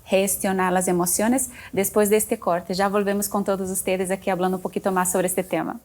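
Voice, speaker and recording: A woman hosts a talk show in a fairly level, even voice. She poses questions to her guests, speaks to viewers at home and announces the break. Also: medium pitch, brisk. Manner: steady listener, frequent affirming murmurs.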